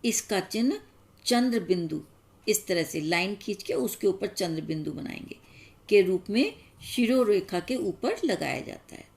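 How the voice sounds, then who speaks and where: A woman teacher giving a grammar lesson, explaining step by step and pausing on each example. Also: medium pitch, animated, creaky, a little mellow.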